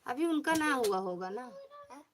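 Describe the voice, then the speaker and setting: A woman's voice: high voice, expressive, moderate pace, slight background noise. A woman host, chatting casually on a phone livestream, greeting viewers by name and coaxing them. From Pratapgarh, Uttar Pradesh. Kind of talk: casual livestream chat, reading viewer comments.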